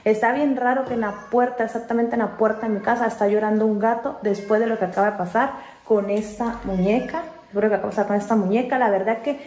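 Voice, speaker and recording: A woman's fairly high, darkish voice comes through fast and fairly even in this casual phone video shot at home at night. Filming herself by hand in a dark bedroom, she nervously talks to viewers and calls out into the house, with echo and a faint hiss in the recording.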